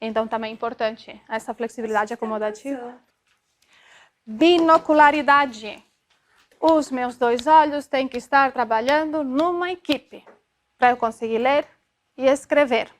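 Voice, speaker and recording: High-voiced woman lecturing a class. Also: moderate pace. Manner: explanatory, checks in with frequent tag questions; demonstrative, sounds out syllables to illustrate. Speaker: optometry lecturer.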